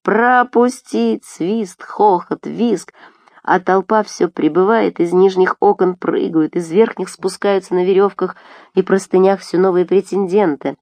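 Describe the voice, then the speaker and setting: A woman reading an audiobook in an even, wry first-person storytelling manner. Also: on the low side, measured pace, dry recording. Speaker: audiobook reader. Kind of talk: audiobook narration.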